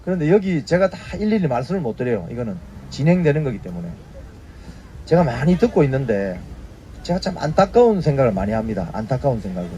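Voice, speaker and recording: A man's voice: mid-range voice, big pitch swings, quick pace, warm tone, slight background noise. A man in his fifties hosting a casual news briefing, prodding his viewers with short tag questions. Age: 50s. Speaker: YouTube news briefing host. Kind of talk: casual spoken commentary.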